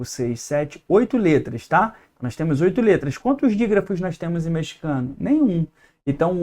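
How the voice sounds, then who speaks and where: A male teacher with a Brazilian Portuguese accent, his voice sitting a little high for a man. He walks through an exam-prep lesson at a whiteboard, step by step. He keeps checking that his students are following. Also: a little mellow. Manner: explains step by step, checks in with "tá?" and "beleza?".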